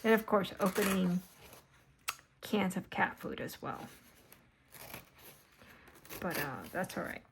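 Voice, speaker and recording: A sleepy woman chatting casually and softly while crafting at her table, often half-whispering and yawning. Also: on the low side, expressive, takes it slowly, gravelly, pauses often, background noise. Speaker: mixed media art vlogger.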